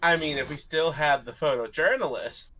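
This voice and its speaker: A man's voice: a little high, moderate pace, sharp tone, slight background noise, rough recording. A man playing in a tabletop game, chatting casually and talking through the rules matter-of-factly. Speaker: player. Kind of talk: casual out-of-character chat about a tabletop game.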